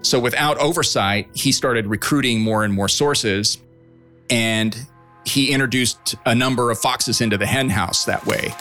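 Bright-voiced man explaining history. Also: mid-range voice, unhurried, soft background music. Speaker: interviewed history expert. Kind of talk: explanatory interview talk.

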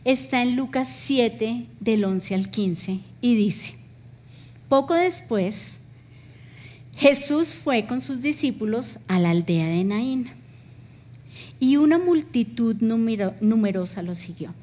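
High-voiced woman preaching with emotion. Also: animated, takes it slowly, mellow. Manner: emotional storytelling, acts out dialogue. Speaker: pastor. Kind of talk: sermon.

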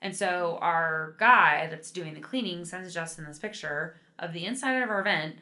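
A woman co-hosting a podcast, telling travel stories in casual, animated chat. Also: fairly low pitch, normal speed. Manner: chatty, animated storyteller. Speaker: podcast co-host.

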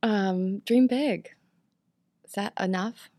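A woman's voice: medium pitch, slow pace, warm tone. A young woman, a Broadway actress, chatting as a guest, giggly and hesitant with many ums. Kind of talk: casual interview chat.

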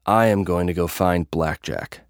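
A young gladiator influencer with a low voice, jaded behind a tough front, tells his own story in the first person, confessing in casual slang like an audio drama lead. The recording is close, dry, clean, and free of room sound. He keeps a measured pace and sounds guarded and determined.

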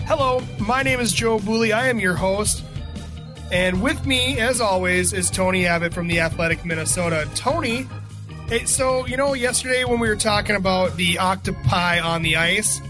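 A man's voice: sits high, moderate pace, music in the background. A man hosting a sports podcast, chatting casually and teasing his co-host. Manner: joking, teasing banter.

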